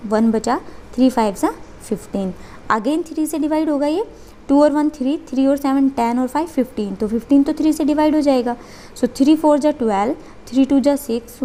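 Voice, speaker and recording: High-voiced woman teaching maths. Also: dark tone. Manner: step-by-step explaining, asks and answers own questions. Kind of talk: whiteboard maths lesson.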